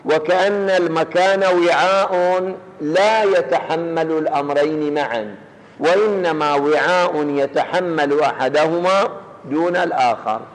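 A man delivering a Quranic exegesis lecture, measured and explanatory, restating his points. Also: on the high side, slight background noise. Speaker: religious lecturer. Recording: echoey hall with faint ambience.

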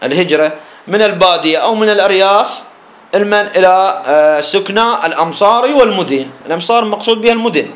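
Brisk Iraqi teacher, higher-pitched male voice, lectures with rhetorical questions, roomy echo. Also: fairly bright tone. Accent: Iraqi Arabic. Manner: explains line by line, asks and answers his own questions. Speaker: teacher of Islamic jurisprudence. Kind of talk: classroom lecture explaining a text.

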